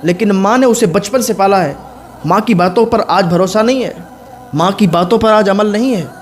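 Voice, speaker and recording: A man delivers an emotional sermon. He tells a moral tale and voices its characters with rising pitch and force. Soft music plays faintly behind him. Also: normal speed. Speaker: Islamic preacher.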